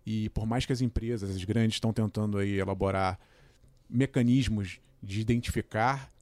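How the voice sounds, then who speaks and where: A man's voice: fairly low pitch, steady tone, normal speed, darkish tone, no echo. A man co-hosting a podcast, giving thoughtful, somewhat hesitant opinions. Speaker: podcast co-host. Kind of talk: casual podcast discussion.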